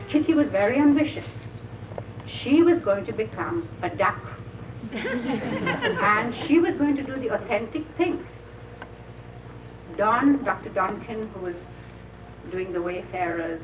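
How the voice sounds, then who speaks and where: An older woman telling a chuckling, unhurried anecdote to a small gathering, preserved on an old VHS tape. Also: mid-range voice. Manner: chuckling, unhurried storytelling with frequent laughs. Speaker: storyteller at a gathering. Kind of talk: reminiscing anecdote told to a small audience. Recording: muffled, hissy old tape, echoey room from far off.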